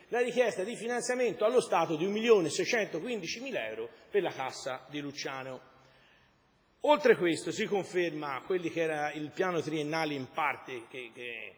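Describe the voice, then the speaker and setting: Deputy mayor, fairly high voice, long-winded and repetitive in a council speech, chamber reverb. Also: male voice. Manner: repetitive, explanatory, speaks in circles.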